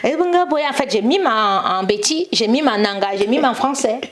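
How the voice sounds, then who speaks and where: A woman's voice: on the high side, animated, moderate pace. A woman, an interview guest telling a long story and acting out the quotes. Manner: acts out quotes and sings snippets, repeats "et tout". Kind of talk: animated storytelling.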